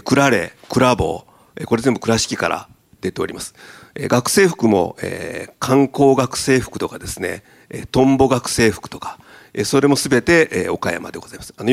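A man's voice: mid-range voice, expressive, moderate pace, gravelly. A man from Okayama, a company president, giving a formal presentation at a seminar with polite phrasing and many hesitant fillers. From Okayama, Japan. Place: seminar hall in Tokyo.

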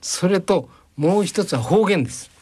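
A man's voice: sits high, animated, normal speed, darkish tone, a little hiss or hum. A man as a guest journalist on a radio interview, telling anecdotes chattily and slipping into quoted voices and regional dialects. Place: radio studio.

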